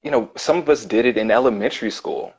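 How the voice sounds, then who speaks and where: A man working as a clinical counselor, talking earnestly and thoughtfully in a casual interview, often pausing with ums and repeating words. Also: medium pitch, darkish tone, breathy edge. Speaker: licensed clinical counselor, guest. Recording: dull lo-fi audio.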